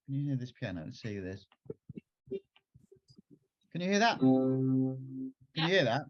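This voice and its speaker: A man's voice: medium pitch, big pitch swings, moderate pace, a bit bright, muffled recording. A man, a children's author, talking casually on a video call and performing his own songs and raps at a piano. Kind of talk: casual talk with singing and rapping. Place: at a piano, home. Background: piano music.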